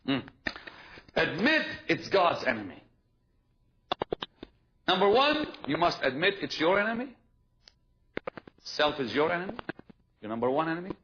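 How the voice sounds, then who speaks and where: Speaking at a measured pace with frequent pauses, a high-voiced man gives an emphatic sermon, repeating his key ideas and asking the congregation to respond. The live recording is muffled, dull, and underlaid with steady hiss.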